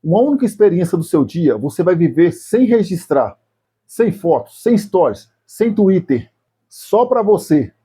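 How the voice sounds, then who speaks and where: A man with a Brazilian Portuguese accent, his voice somewhat high for a man yet mellow and a little husky. He talks straight to the viewer in a reflective video essay, slow and deliberate, laying out short phrases one at a time. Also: sing-song. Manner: speaks slowly and deliberately, addressing the viewer directly in short phrases. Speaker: YouTube channel host.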